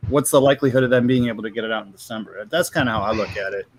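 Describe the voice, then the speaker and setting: A man's voice: medium pitch, rapid-fire, a loud crowd. Frank rambling man in his thirties. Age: 30s. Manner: frank, rambling, self-justifying. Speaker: guest panelist. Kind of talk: casual livestream chat.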